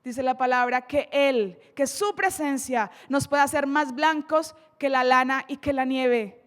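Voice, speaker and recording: Delivering a forceful sermon in church, this female preacher with a Colombian accent tells scripture stories with drama, easing her pace on the important lines. Her high voice trails off into a long reverb tail.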